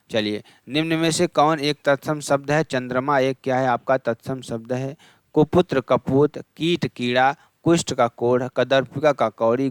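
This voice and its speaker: A man's voice: mid-range voice, clean tone, dry recording. A man teaching an exam revision lesson, rattling through lists and quizzing the class, asking questions and then answering them himself. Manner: rapid list-reading, repeats answers. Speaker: Hindi exam-prep teacher.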